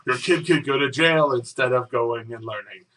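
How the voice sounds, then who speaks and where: A man's voice: medium pitch, normal speed, a bit bright, distant mic. A man co-hosting a casual news-chat podcast, joking and rambling as he talks. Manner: joking, rambling, self-deprecating. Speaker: podcast co-host.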